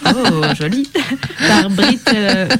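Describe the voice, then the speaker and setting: A woman's voice: medium pitch, lively intonation, slow, a bit bright, a little hiss or hum. Chatty woman hosting radio. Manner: chatty, laughs easily, trails off with fillers. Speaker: radio show host. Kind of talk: casual radio chat.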